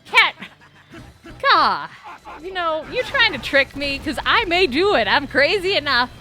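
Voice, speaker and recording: Woman streamer yelling at chat mid-speedrun, high bright voice that jumps all over. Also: measured pace. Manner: excitable, shifts between frantic yelling and deadpan mumbling.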